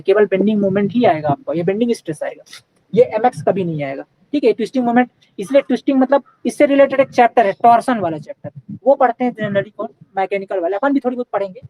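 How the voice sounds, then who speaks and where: In dull audio with no room sound, a high-pitched man runs a live online engineering class. He asks and answers his own questions and keeps confirming students are following with repeated "okay" and "clear?", speaking Hindi blended with English technical vocabulary.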